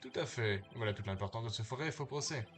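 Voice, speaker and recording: A confident young rock-star prosecutor, as a man reads his lines in a mid-range voice. He sounds suave and teasing, with quiet music faintly behind. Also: mid-range voice, fairly quick, natural voice. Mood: smug. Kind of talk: reading game dialogue aloud.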